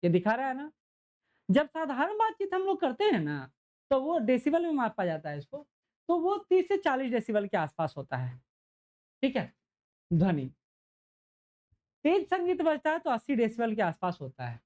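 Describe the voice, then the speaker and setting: A man's voice: very high voice, wildly swooping pitch, normal speed, pauses often, highs cut off. A man teaching an exam-prep lecture, repeating key points and checking understanding with rhetorical questions. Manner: gets louder and softer to demonstrate sound.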